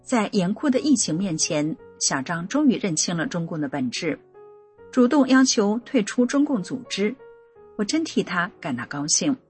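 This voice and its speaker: A woman hosting a radio program, giving a measured, expressive scripted narration. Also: faint music behind. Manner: measured, expressive reading with lively pitch.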